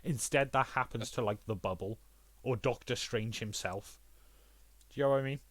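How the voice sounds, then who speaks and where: A man co-hosting a podcast, chatting casually and excitedly, swearing and acting out characters' lines. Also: medium pitch, moderate pace, no room sound. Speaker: podcast co-host. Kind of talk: casual chat.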